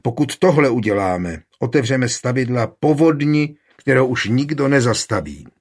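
A man reading a hot-tempered scholar who protests loudly. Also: mid-range voice, lively intonation, slightly rough, pitched above the performer's own voice. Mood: indignant. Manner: indignant, loud. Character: hot-tempered male master scholar, quick to anger.

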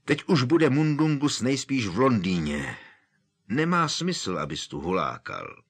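A man voicing a calm young woman who soothes an angry boy. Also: medium pitch, slightly rough, voice pushed up, exaggerated voice.

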